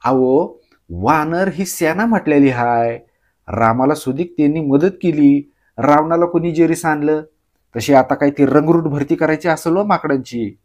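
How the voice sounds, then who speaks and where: Village joker, sly, slow drawl, teasing, clears throat, voiced by a man. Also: fairly high pitch, a little mellow.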